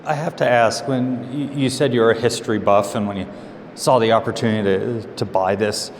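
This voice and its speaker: A man's voice: on the low side, fairly even intonation. A man interviewing a silo owner in a friendly, curious way, recorded inside a concrete underground chamber. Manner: friendly, curious, quick to laugh. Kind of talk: casual interview questions. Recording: echoey concrete chamber, faint background noise.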